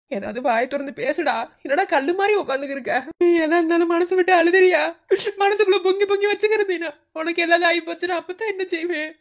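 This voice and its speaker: A woman voicing an anxious cartoon mother who pleads with her silent son, in a Madurai Tamil accent. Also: extremely high pitch. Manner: pleading, coaxing.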